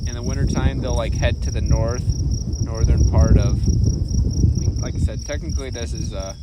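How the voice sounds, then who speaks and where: A woman's voice: extremely low pitch, steady tone, moderate pace. An American woman chatting casually while fishing outdoors, rambling in a laid-back way with lots of filler "like". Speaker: fishing streamer. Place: outdoors on a lakeshore. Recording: distant mic, loud crickets and outdoor noise. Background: loud chirping crickets, outdoor ambience.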